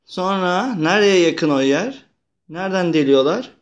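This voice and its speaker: A young man gently and patiently questioning his little daughter in a casual, playful chat. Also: sits high, expressive, measured pace, crowd noise.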